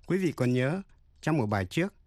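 A man's voice: medium pitch, big pitch swings, fairly quick, darkish tone, dry recording, studio quality. A man teaching an English lesson on the radio, explaining pronunciation carefully and spelling words out letter by letter.

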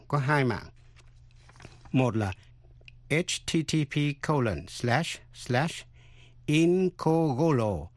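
A man teaches a radio language lesson in a dry, close voice of middling pitch. He speaks slowly and carefully, spelling out words letter by letter. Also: no room sound. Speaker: English teacher and radio host.

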